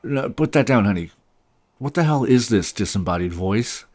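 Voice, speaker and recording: A man's voice: on the low side, animated, moderate pace, a little mellow. A man playing a bewildered ordinary dad in a sketch comedy toy commercial. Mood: alarmed, disgusted.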